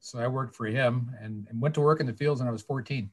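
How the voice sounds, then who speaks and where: This guest panelist, a man in his sixties from California, talks fast in a mid-range voice. Speaking into a webcam in a small office, he shares his story on a video call in a relaxed, plainspoken style full of wry remarks.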